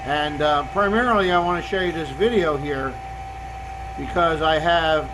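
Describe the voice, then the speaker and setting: An older man talks as a machinist explaining a process step by step. His voice sits somewhat high for a man, and his delivery is plainspoken and casual. There is obvious machine shop noise around him. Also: moderate pace. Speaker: machinist demonstrating his lathe. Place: indoor home machine shop. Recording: noisy machine shop background. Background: running machinery noise.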